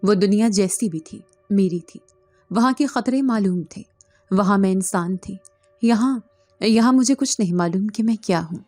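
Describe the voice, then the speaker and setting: A woman's voice: medium pitch, mellow, soft background music, lightly acted. Woman playing a frightened young captive woman. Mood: pleading. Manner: pleading, trembling.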